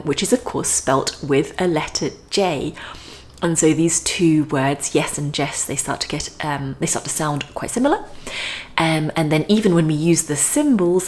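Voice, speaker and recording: A woman teaching English pronunciation in a careful, deliberate way, with frequent ums. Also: low voice. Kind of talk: slow, careful pronunciation lesson.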